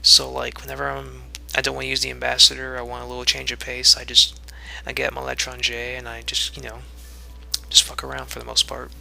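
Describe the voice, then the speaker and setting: Young guy talking over his game footage, super gravelly, bright edge, flat delivery, lots of ums, kinda out of breath. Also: mid-range voice, brisk. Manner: rambling, many ums and restarts. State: a little out of breath. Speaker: video creator giving commentary. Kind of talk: casual gameplay commentary.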